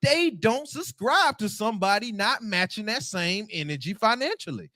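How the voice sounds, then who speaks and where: A man's voice: sits high, moderate pace, no echo. Slangy young man with a dry sound. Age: 20s. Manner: animated, slangy, laughing often. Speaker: livestream host. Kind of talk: casual commentary.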